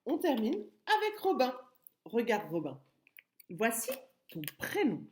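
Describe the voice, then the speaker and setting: A woman teacher speaking to young children, spelling out letters slowly and clearly with lively rises in her voice. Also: a little high. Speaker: preschool teacher.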